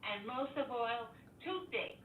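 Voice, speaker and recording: An older woman makes casual conversation as a co-host. Her voice is fairly high. She sounds a little far from the mic in an echoey room, with faint noise behind her. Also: lively intonation, measured pace, narrow, tinny audio. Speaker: co-host, host's mother. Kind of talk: casual chat.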